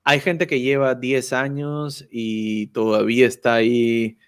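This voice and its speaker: A man's voice: medium pitch, little pitch movement, slow pace, a crowd in the background. A man chatting as a guest on a video call, thoughtful and self-deprecating, often ending phrases with a questioning "right?". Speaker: guest YouTuber. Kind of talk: casual chat.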